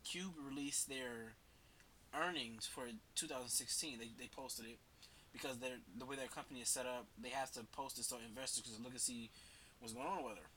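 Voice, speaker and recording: A podcast host with a head cold rambles through casual solo commentary, using slang and swearing freely. His medium-pitched voice is bright and forceful, with fairly even intonation and a moderate pace, over slight background noise.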